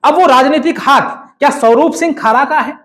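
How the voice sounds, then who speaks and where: A man giving measured, explanatory political news commentary, often adding hedging remarks. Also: very high voice, a bit bright.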